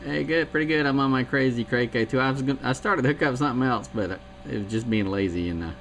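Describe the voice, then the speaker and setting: A man rambles on CB radio with fillers and trailing thoughts, speaking quickly in a mid-range voice. He's a CB operator on a CB radio mic, and heavy static runs through the recording.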